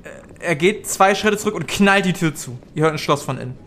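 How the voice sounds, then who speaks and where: A man's voice: fairly high pitch, animated, a little fast, a bit bright. A man narrating a tabletop role-play as game master, with some noise behind him.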